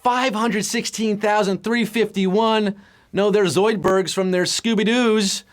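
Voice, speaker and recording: A man hosting a live trivia game show, reading questions with playful, jokey patter and sudden jumps in pitch. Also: fairly even intonation, slow pace.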